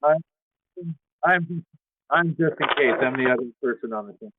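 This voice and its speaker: A man hosting a call-in show, talking in a calm, reassuring way to a caller while his voice comes through a thin speakerphone-like sound. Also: mid-range voice, moderate pace, background noise. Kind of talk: casual call-in talk. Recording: tinny, dry phone-like line.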